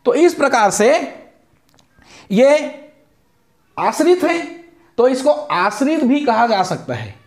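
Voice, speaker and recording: A man's voice: very high-pitched, big pitch swings. A male teacher giving a lesson on letters and sounds, drawing out each syllable and answering his own questions. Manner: explains slowly, asks questions and answers them himself. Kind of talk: classroom lesson on Hindi letters. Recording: echoey room.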